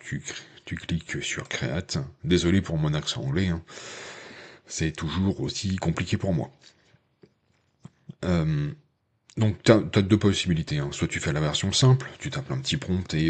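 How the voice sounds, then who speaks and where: A man with a very deep, husky voice walks the viewer through a software tutorial in a loose, chatty way. He hesitates often and fills the gaps with fillers while talking straight to his audience. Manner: addresses viewer informally. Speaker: tech channel host. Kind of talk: casual screen-share tutorial.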